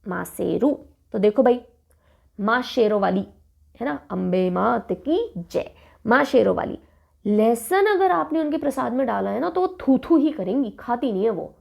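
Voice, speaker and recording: A woman's voice: fairly high pitch, lively intonation, a little slow, vocal fry, a little mellow. A woman teacher who explains capitals with playful, silly memory stories and switches between two languages. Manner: playful, uses silly stories and acted lines; mixes English and Hindi. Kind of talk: mnemonic lesson on country capitals.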